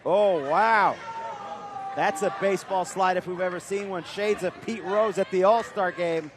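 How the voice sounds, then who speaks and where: A man doing live wrestling commentary, excitable and quick to exclaim at the big moves. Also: high voice. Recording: loud crowd noise, live event venue. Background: crowd and event noise.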